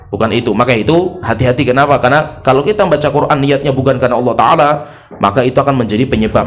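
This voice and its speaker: A middle-aged man from Indonesia giving a lively religious sermon, repeating key phrases and acting out how letters are pronounced. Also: mid-range voice, a little hiss or hum. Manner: animated, repeats key phrases, imitates Arabic sounds. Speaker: Islamic preacher.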